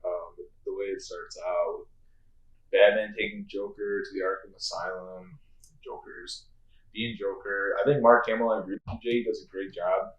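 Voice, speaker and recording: Low-ish guy podcasting, gets animated doing movie bits, echoey room. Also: normal speed, muffled recording. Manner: animated, acts out gruff movie lines. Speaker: podcast co-host. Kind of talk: casual chat.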